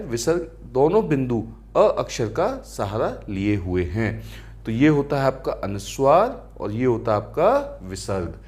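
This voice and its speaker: Slow, lively-voiced grammar teacher. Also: male voice, mid-range voice. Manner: asks rhetorical questions, calls students friends and beta. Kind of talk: classroom lecture.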